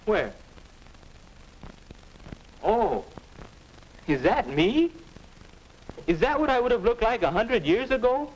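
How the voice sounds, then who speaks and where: A man's voice: extremely high pitch, very animated, takes it slowly, pauses often, dull audio, full character voice. A young male actor playing a restless, skeptical teenage boy, earnest and questioning, in a 1950s educational film. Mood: puzzled, curious. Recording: noisy 1950s film soundtrack.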